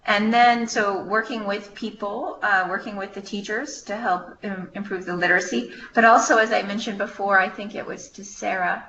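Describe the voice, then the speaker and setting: Her voice is mid-range with fairly even intonation, bright and forceful, moving at normal speed with few pauses. She's a staff member answering conference-call questions informally, hesitating as she thinks out loud over a muffled, noisy line.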